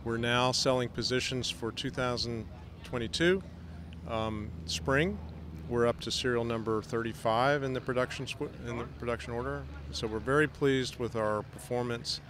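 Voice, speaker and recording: A man's voice: medium pitch, fairly even intonation, moderate pace. A man giving a company update in an interview as a representative, speaking outdoors. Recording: clear outdoor engine and ambient noise.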